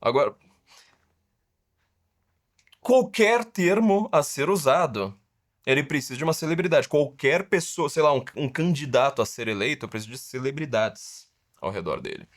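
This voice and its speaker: Speaking a little fast and expressively in a mid-range voice, a middle-aged Brazilian man hosts a casual podcast. His Brazilian Portuguese accent colors a sarcastic habit of elongating words to mock and emphasize.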